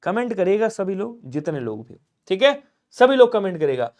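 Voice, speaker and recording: A man from Lucknow teaching a live online exam-prep class, with a fairly high voice. He fires questions at viewers and answers them himself in a call-and-response rhythm. He keeps pushing people to comment fast. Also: big pitch swings, darkish tone. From Lucknow, India. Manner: drills answers by asking and answering his own questions; urges viewers to comment quickly. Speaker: Hindi teacher.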